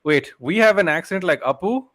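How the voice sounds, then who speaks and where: A man co-hosting a football podcast in casual chat, often pausing to search for words. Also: high-pitched, animated, a bit bright. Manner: hesitant, searches for words with fillers. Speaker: podcast co-host.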